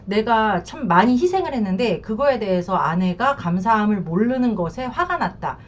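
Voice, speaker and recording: A woman counselor talks frankly and colloquially, her pitch bouncing up and down with lively expression. She slips into quoted voices as she explains. The recording sounds dull and lo-fi. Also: normal speed. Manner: blunt and colloquial, acts out quoted lines. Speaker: marriage and infidelity counselor. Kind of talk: advice talk to camera.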